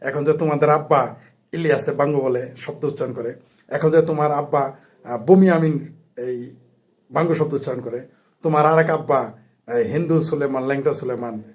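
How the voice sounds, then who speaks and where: A man's voice: mid-range voice, normal speed, pauses often, a little mellow. A man delivering an angry, sarcastic political monologue full of mockery and jabs. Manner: sarcastic, mocking, combative. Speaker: political commentator.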